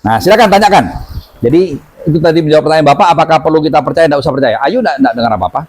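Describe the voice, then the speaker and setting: A man teaching an audience as a healing therapy instructor, telling stories lively and acting out the voices of the people in them. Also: fairly high pitch, racing, breathy edge, rough recording. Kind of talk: seminar talk to an audience.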